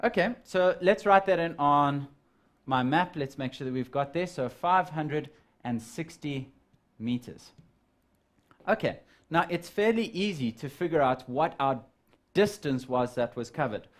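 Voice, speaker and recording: A man's voice: a little high, animated, unhurried. A man teaching a live physical sciences lesson, walking students through measurements and calculations and calling them "guys". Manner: step-by-step explaining, addresses students as guys.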